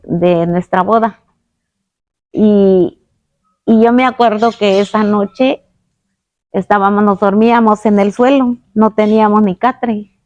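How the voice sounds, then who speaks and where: A woman telling a personal faith testimony, earnest and halting, with many restarts. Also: medium pitch, a little mellow, dry recording, dull audio. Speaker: guest giving a testimony.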